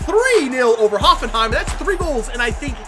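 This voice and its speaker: A woman commenting on her own video game match, excitable and swearing freely, shouting at big plays. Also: sits high, moderate pace, over music. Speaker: gaming commentator.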